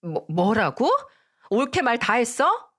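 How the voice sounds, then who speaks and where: A woman's voice: a little high, big pitch swings, takes it slowly, pitched above the performer's own voice, full character voice. A woman voicing a spiteful young sister-in-law who snaps sharply, in a dramatized story reading. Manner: sharp, snapping.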